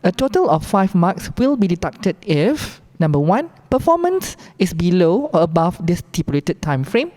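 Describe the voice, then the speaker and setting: A woman with a Malaysian accent explains rules in a briefing. Her voice is soft-edged and mellow, sitting slightly low, and she goes through things instructively, point by point. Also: big pitch swings, moderate pace, hardly any pauses. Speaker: competition briefing presenter.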